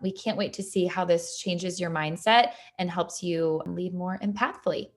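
A woman's voice: on the low side, normal speed. A woman co-hosting a lifestyle podcast, speaking in an earnest, encouraging way. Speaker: podcast co-host. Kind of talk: casual podcast chat.

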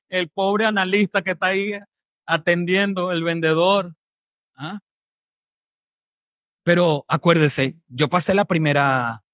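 A man preaches a sermon as pastor in a fairly high voice, pressing his listeners with rhetorical questions and quick tag checks. The sound is dry and close, with no room echo. It comes through thin and tinny, like a phone line.

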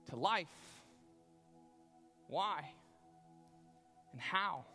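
A man preaching a sermon as a pastor, telling the story in a conversational, animated way. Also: high-pitched. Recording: long reverb of a large hall.

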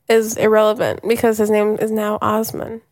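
A woman co-hosting a podcast, quick-witted and teasing, laughing often during casual chat. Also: medium pitch, monotone, a little mellow, dry recording. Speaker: podcast co-host, music producer.

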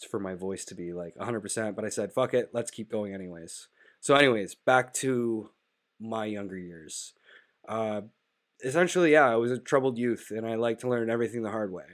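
Male podcast host, 30s, nasal from a cold, casual and reflective with lots of fillers. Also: mid-range voice. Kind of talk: solo podcast monologue with sponsor reads.

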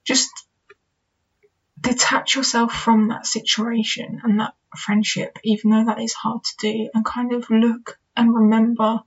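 Young woman host, casual reflective solo talk, slightly high husky voice, muffled recording. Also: little pitch movement, unhurried. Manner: chatty, candid, reflective, with fillers like "you know" and "kind of". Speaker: podcast host. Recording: dull lo-fi recording.

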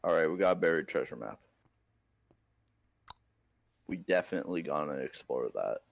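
Very deep, gravelly casual male gamer. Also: expressive, normal speed, dry recording. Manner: joking, mildly swearing with softened words. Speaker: gaming podcast co-host. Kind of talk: casual chat while gaming.

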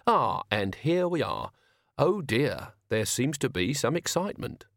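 A man voicing a cheerful, courteous villain in an audiobook, falsely friendly and unhurried in his menace. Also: mid-range voice, sing-song, creaky, a bit bright, no echo, studio quality, exaggerated voice. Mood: politely menacing. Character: genteel, softly menacing villain, cheerful and polite. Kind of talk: audiobook character voice.

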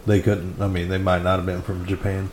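A man co-hosting a podcast in casual chat, making dry deadpan quips. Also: low voice, fairly quick, a little hiss or hum. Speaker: podcast co-host. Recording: echoey room.

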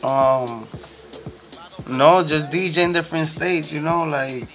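A man's voice: a little high, measured pace, a bit bright, poor audio. A man with a Dominican accent in a casual podcast chat, using street slang and switching between English and Spanish. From Dominican Republic. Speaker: guest DJ. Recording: music behind the voice.

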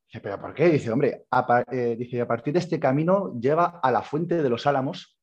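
A man from Spain with a husky voice casually retells an old legend on a podcast, slipping into the characters' lines as he goes. The recording sounds a little dull and lo-fi. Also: medium pitch, normal speed. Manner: retells a tale loosely, acting out characters' lines. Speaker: podcast co-host. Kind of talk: casual storytelling. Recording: slightly dull lo-fi audio.

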